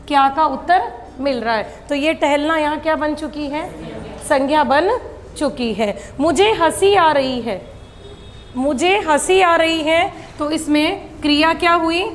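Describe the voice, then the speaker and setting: A woman's voice: very high-pitched, in a large hall. A woman teaching a grammar lesson, asking questions and answering them herself.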